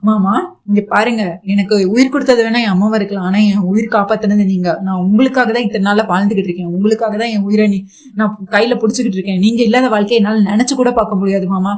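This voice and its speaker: A woman's voice: medium pitch, steady tone, fast, a little mellow, lightly acted. A woman voicing a devoted young wife who begs to stay with her husband, earnest and pleading.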